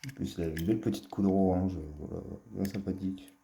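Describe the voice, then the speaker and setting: A man's voice: low-pitched, fairly even intonation, quick pace, creaky, dark tone, a little hiss or hum. A man casually showing his collection in a vlog, talking hesitantly with many fillers and a fond tone. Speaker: collector presenting his finds. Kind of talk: casual show-and-tell vlog. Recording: echoey room.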